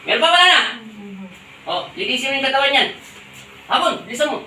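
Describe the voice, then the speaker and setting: A man's voice: extremely high pitch, big pitch swings, fast, bright, forceful tone, slight background noise. A man working as a folk healer who scolds and interrogates during a healing ritual, barking repeated commands. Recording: echoey room from far off.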